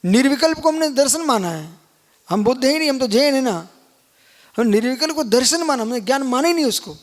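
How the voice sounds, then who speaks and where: A man's voice: very high-pitched, expressive, brisk. A man, a Jain monk, giving a live scripture lecture and keep prodding listeners with questions. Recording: long hall reverb.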